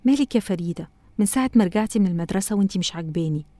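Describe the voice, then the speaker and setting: A woman with an Egyptian accent voicing a loving, patient mother in a cartoon, talking gently and coaxingly. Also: medium pitch, lively intonation, rapid-fire, heavy background noise, lightly acted. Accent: Egyptian Arabic. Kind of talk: cartoon voice acting.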